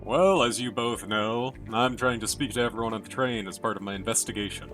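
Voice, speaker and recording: A man's voice: mid-range voice, a little fast, a bit bright, faint music behind, natural voice. A man voicing a chatty, encouraging detective in a video game. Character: friendly detective on a train investigation.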